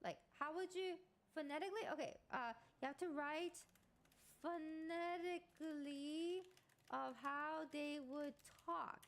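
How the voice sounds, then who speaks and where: A young woman streamer chatting casually on a live stream, playful and thinking out loud with giggles. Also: high-pitched, unhurried.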